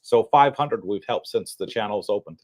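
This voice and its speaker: A man around sixty co-hosting a casual livestream, talking in a relaxed, rambling way with frequent chuckles. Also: lowish voice, moderate pace. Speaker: livestream co-host.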